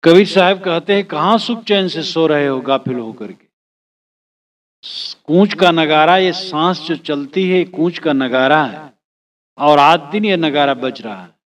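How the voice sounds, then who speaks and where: A man's voice: a little high, expressive, unhurried. A man giving a religious discourse, reciting verses and explaining them phrase by phrase in an earnest, exhorting way. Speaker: spiritual teacher.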